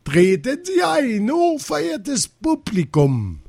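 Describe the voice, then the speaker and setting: Ein Mann, der einen pompösen Zirkusdirektor spielt, der in gedehnten, krähenden Ausrufen Reden hält. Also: male voice, wildly swooping pitch, takes it slowly, vocal fry, breathy edge, no echo, clean studio sound, heavily acted. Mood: grandly declaiming. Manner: grandly declaiming, crowing falsetto shouts. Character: pompous male circus director, loves giving speeches.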